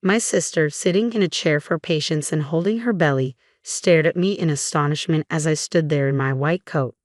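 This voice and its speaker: A woman narrating a first-person revenge story in a measured, scripted way. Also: low voice, no room sound, studio quality.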